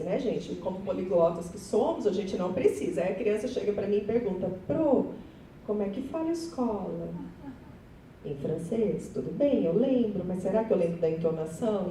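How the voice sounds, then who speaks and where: A woman teacher with a Brazilian Portuguese accent presents her class project to fellow teachers, chatty and nervous, often turning to the audience. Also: dark tone. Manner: nervous, chatty, self-deprecating, addresses audience. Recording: echoey hall, voice from far off, faint rumble.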